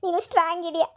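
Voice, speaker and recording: A young cartoon village wife, acted by a woman. She brags about her landlord family, then sobs quietly to herself. Her voice is high and she talks fast. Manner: boastful on the surface, sobbing asides. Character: young village wife, proud yet tearful. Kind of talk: cartoon comedy voice acting.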